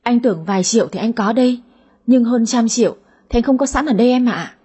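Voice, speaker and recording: A woman's voice: on the high side, a little fast, dark tone, husky. A woman voicing a hesitant, thrifty young man on a date in an audio story. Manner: hesitant, timid.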